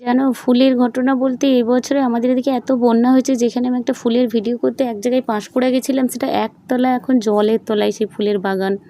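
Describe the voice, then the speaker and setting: A woman's voice: on the high side, steady tone, a little fast, hardly any pauses, warm tone, no echo. A middle-aged woman from West Bengal narrating a casual family vlog, chatting directly to her viewers. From West Bengal, India. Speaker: vlogger.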